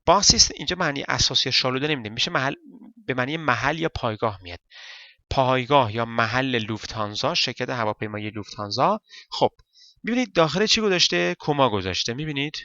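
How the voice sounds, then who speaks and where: A man whose first language is Persian, teaching a German lesson step by step and reading German sentences slowly. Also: medium pitch, lively intonation, bright, forceful tone, dry recording, lo-fi sound. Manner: explains step by step, counting parts aloud; reads German slowly and deliberately.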